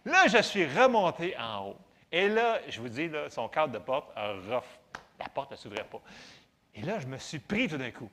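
Québécois man, lively testimony teller, slightly raised voice that swoops up and down, self-mocking. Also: a little high, moderate pace, slight background noise. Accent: Québécois French. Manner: animated, conversational, self-mocking. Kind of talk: storytelling testimony to an audience.

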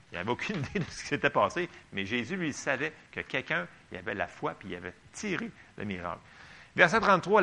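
A man's voice: mid-range voice, gravelly, pushed and bright. A man with a Québécois French accent preaching a sermon, reading Bible verses and chatting with the congregation in asides. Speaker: pastor.

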